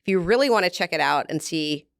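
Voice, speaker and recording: A woman's voice: on the low side, animated, fast, creaky, no room sound, clean studio sound. A woman guest from a beef producer, explaining things at length in a casual interview and laughing easily.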